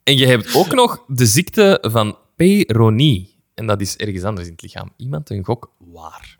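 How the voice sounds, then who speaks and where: A man's voice: fairly low pitch, expressive, moderate pace. A young man, co-hosting a casual podcast, teasing his friends and laughing often. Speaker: podcast host.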